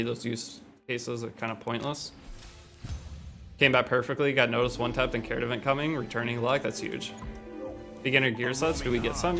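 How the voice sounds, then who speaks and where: A man's voice: mid-range voice, creaky. A man casually chatting on a game livestream from home, answering viewers' questions in an offhand, rambling way with some slang. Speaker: game streamer.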